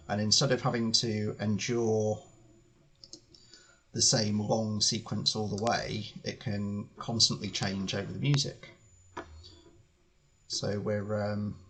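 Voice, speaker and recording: A man streaming live as he edits his video, thinking aloud with fillers and restarts, his voice slightly hoarse. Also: on the low side, a bit bright, slight background noise. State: slightly hoarse, clearing throat. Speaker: channel host editing video. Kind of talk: casual live-stream commentary.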